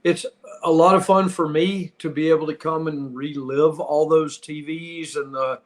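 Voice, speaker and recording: A middle-aged man, a former pro wrestler, reminiscing casually as a guest in loose, halting phrases with repeated words. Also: on the high side, fairly even intonation.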